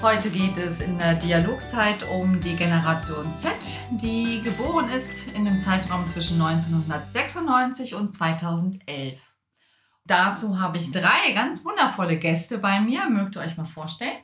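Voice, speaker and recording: A woman's voice: on the low side, lively intonation, moderate pace, a bit bright. A woman hosting her podcast, asking her young guests guiding questions. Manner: friendly, asks guiding questions. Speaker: podcast host. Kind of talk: moderating a podcast conversation. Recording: echoey room with faint music.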